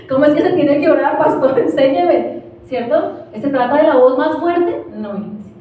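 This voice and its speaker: A woman's voice: high voice, normal speed, dark tone, heavy reverb, distant mic, poor audio. A woman pastor preaching a passionate sermon, asking the congregation questions. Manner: impassioned, asks the congregation questions. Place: church.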